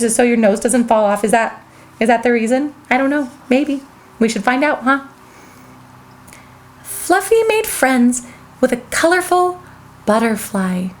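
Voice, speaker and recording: Woman host of a kids' show, high and sweet, slow and unhurried; reads a picture book aloud with bubbly, gasping excitement. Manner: bubbly and childlike, with frequent excited gasps; chatty asides to young viewers.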